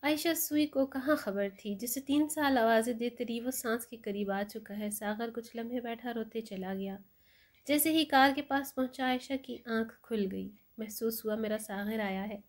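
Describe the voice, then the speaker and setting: A woman's voice: a little high, moderate pace. Woman narrating a mournful story. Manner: dramatic, mournful.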